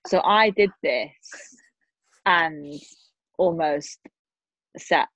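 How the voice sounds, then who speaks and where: A woman in her thirties from Northern England, with a matching accent, co-hosts a podcast, chatting casually with a friend and teasing her with frequent laughs. Her voice is deep and a bit bright, she speaks extremely slowly, and the recording sounds dull, dry and lo-fi.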